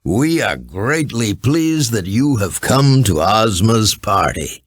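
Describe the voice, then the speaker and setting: A man voicing a huge, kindly, courteous storybook lion with a deep, pleasant voice. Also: big pitch swings, slow pace, slightly rough, no room sound, clean studio sound, full character voice. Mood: warm, courteous. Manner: courteous, kind. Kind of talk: storybook character voice.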